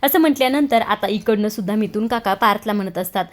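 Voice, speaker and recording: A woman narrating a recap of a TV serial episode in an even-pitched voice, neither high nor low. She tells it in a steady storytelling manner. She reads every character's lines herself. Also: fast talker.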